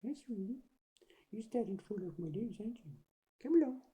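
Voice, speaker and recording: A woman in her forties, a vlogger, sits on a swivel chair by the sofa at home, rambling chattily, meandering, and talking to herself, and she coos at her cat in sing-song baby talk. Her voice is fairly high with a dark tone, lively intonation, and a slightly quick pace.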